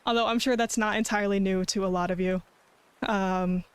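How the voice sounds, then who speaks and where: A woman's voice: mid-range voice, steady tone, fairly quick, clean tone, dry recording. A woman streamer chatting casually with her live viewers in a cute, bubbly anime-streamer manner. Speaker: streamer and artist hosting a cozy art stream. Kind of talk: casual livestream chat.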